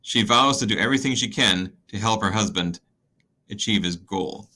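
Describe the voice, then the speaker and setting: A man's voice: on the low side, moderate pace, bright, forceful tone. A man narrating a casual scene-by-scene summary of a play, in a wry, conversational manner.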